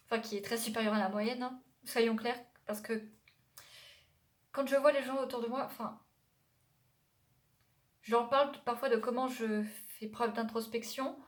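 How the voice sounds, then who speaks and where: A young adult woman from France talking casually to her vlog audience, rambling and digressing with many hesitations and self-corrections. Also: a little high. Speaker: YouTuber. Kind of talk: casual vlog chat to camera.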